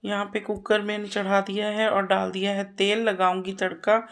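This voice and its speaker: In a flat, mid-range voice at normal speed, a woman in her thirties narrates the chores around her home. The vlogger and mother keeps the voice-over homely and chatty, with lots of repetition.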